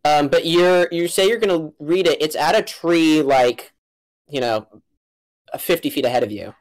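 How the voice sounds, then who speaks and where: A woman narrating a tabletop game as game master, casual and halting as she thinks aloud. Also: sits low, rough recording.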